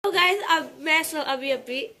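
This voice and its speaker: A young woman vlogging casually at home with her family, chatty and quick to laugh as she talks to her viewers. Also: high-pitched, sharp tone. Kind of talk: casual home vlog chat.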